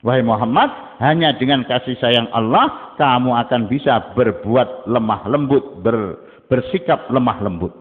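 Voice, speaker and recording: A man preaching a dawn sermon, jumping between high emphatic bursts and low asides. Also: measured pace. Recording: tinny phone-like sound with long hall reverb.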